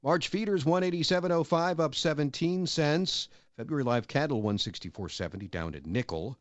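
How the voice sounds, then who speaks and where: A man's voice: fairly high pitch, brisk, no echo. A man with an American accent hosting a radio farm news and market report. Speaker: radio host. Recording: dull lo-fi radio audio.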